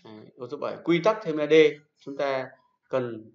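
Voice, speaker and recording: A male teacher talks his class through grammar, slowly restating each rule and praising correct answers. His voice rings around a reverberant classroom. The recording sounds dull and lo-fi. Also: medium pitch. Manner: patient, repeats rules and praises pupils. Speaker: English teacher. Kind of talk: classroom lesson. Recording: echoey room, dull lo-fi sound.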